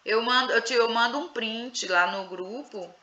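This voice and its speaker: A Brazilian woman with a very bright, forward tone and a fairly high voice runs an online group session. She asks questions, prompts the others to chime in, and explains things in a relaxed, conversational way. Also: normal speed. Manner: questioning, coaxing participants to speak. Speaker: psychoanalyst leading a women's group session. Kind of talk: casual guided group discussion.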